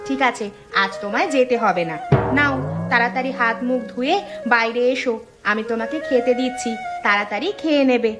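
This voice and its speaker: A woman's voice: a little high, fairly quick, close to an everyday voice. A woman voicing a fretful poor village mother. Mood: fussing. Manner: pleading, fussing, scolding. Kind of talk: cartoon story voice acting. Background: background music.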